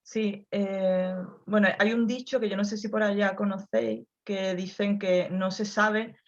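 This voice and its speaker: A woman with a softened Andalusian accent, speaking reflectively on a video call, with many restarts and tag questions. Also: mid-range voice, little pitch movement, a little slow, highs cut off. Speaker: guest author. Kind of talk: conversational talk over video call.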